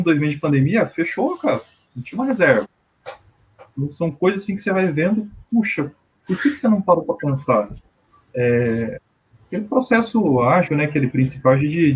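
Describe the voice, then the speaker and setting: A Brazilian man with a Brazilian Portuguese accent talks in an easygoing, rambling way, his voice a little higher than most men's and slightly husky. The sound is muffled and lo-fi, as if coming over a video call. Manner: relaxed, filler-heavy, says "cara" often. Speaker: guest. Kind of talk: casual podcast chat.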